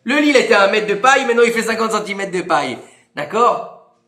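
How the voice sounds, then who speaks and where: Brief: bright, high-voiced rabbi, lively storyteller, echoey room. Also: male voice, fast. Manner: animated, acts out dialogue with big pitch swings. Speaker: rabbi teaching a Torah class. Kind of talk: lively storytelling Torah lesson.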